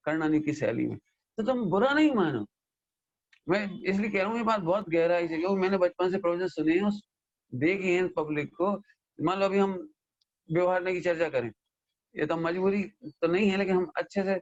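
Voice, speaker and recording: A man gives a lively scripture discourse, scolding and questioning his listeners. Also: high-pitched, muffled recording. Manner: animated, scolding, mimics listeners and asks them questions. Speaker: Jain scholar giving a scripture discourse. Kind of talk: sermon.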